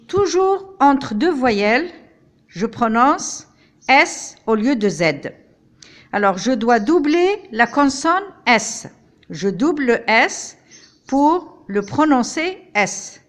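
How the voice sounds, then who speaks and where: An older woman teaching a language lesson, speaking slowly and deliberately, sounding out each syllable for listeners to repeat. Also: fairly high pitch. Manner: slow, deliberate, spells out each sound for repetition. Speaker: French teacher.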